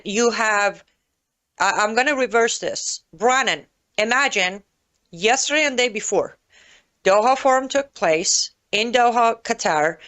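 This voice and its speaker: A woman commentator speaking as a talk show guest, emphatic and sarcastic with quick asides. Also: on the low side, fairly bright tone.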